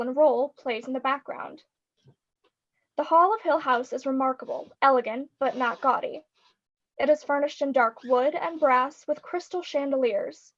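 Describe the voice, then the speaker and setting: A woman reading the stage directions aloud in a live script reading over a video call, in a steady descriptive manner. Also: high voice, lo-fi sound.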